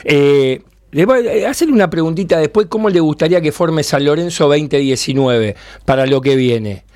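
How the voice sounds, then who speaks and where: A man with a Rioplatense Spanish accent hosting a casual, jokey fan radio show, fast-talking and excitable. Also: on the high side, dry recording, studio quality.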